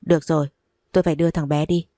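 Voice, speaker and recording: A woman's voice: low-pitched, little pitch movement, racing, mellow, no echo, studio quality, close to an everyday voice. A woman voicing an impatient man who speaks curtly in a read-aloud story. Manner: curt, impatient. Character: impatient man collecting his son.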